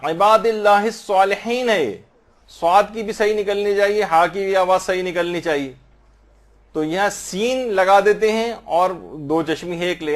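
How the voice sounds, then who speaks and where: Man slowly teaching prayer pronunciation. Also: sits high. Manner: patient, explanatory, slowly demonstrates Arabic pronunciation. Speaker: religious teacher. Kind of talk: religious instruction on prayer recitation.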